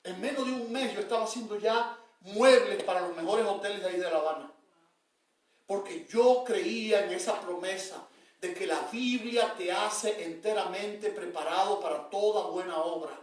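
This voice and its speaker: A man preaching a sermon as an evangelist, stressing key words by slowing down and sometimes dropping to a soft voice. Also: high-pitched. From Cuba. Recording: very echoey, from far off the mic.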